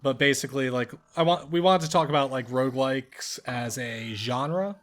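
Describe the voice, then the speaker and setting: A man's voice: mid-range voice, normal speed. A man co-hosting a casual podcast, rambling with lots of "like" and filler words. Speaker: podcast co-host. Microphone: podcast microphone.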